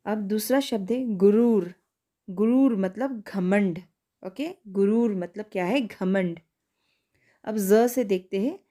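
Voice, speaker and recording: Slow, careful woman teaching young kids. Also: mid-range voice, dark tone. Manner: slow, carefully spelled-out pronunciation drills; asks questions and answers them herself. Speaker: primary school teacher. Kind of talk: online classroom lesson for young children.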